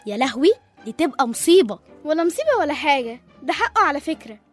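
An outspoken egyptian daughter in a radio drama, high voice, talks super fast, bit of music behind. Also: female voice, big pitch swings. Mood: curious, reproving. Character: sensible, outspoken young daughter of a father. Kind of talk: radio serial acting.

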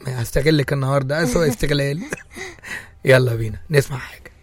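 A man's voice: medium pitch, very fast, soft background music. A man with an Egyptian Arabic accent hosting a casual radio interview. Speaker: radio host.

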